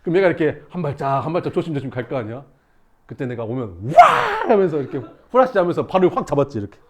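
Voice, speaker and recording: A male math teacher telling his students a lively story in class, acting out scenes with shouts and sound effects. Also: a little high, rapid-fire, a crowd in the background.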